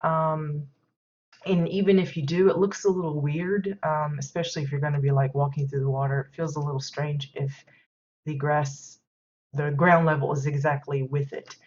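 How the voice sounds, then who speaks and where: A woman's voice: low voice, steady tone, normal speed, a little mellow. A woman hosting a game stream, touring player housing in casual commentary, stuffy-nosed and rambling with many fillers. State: stuffy nose from sneezing. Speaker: game stream host giving housing tours. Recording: dull lo-fi stream audio.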